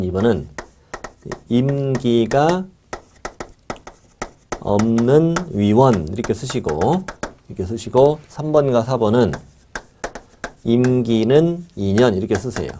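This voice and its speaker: A middle-aged man lectures on exam material in a mellow, warm voice at an ordinary pitch. He drills key points by repeating them and asks the class questions he then answers himself. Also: a little hiss or hum.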